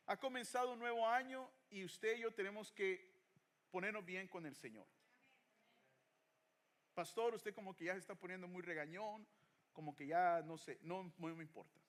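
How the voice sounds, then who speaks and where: High-voiced preaching pastor. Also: male voice, a bit bright. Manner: preaching with rhetorical questions, mixing in English phrases. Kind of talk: sermon.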